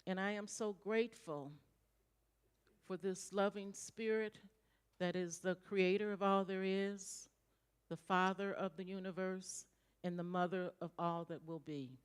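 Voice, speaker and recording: Slow, reverent woman praying. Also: mid-range voice, clean tone. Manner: slow, calm and reverent, repeating phrases. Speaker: congregant leading a gratitude prayer. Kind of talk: church prayer. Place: church sanctuary.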